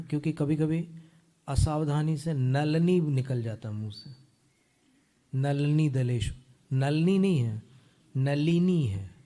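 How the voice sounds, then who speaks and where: A man teaching careful pronunciation of a Sanskrit hymn, explaining sounds patiently and chanting the verse lines slowly into a close microphone. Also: mid-range voice, dark tone.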